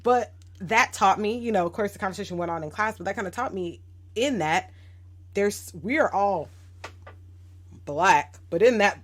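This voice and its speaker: A woman's voice: mid-range voice, moderate pace, long pauses. A woman in her thirties, a guest educator, telling stories on a casual podcast in a reflective way. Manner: reflective, animated when quoting others.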